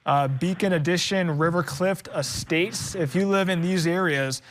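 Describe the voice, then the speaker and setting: A man's voice: high voice, normal speed, a little hiss or hum. A man giving live tornado warning commentary as a TV meteorologist, urgent and emphatic, in short phrases. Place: TV studio.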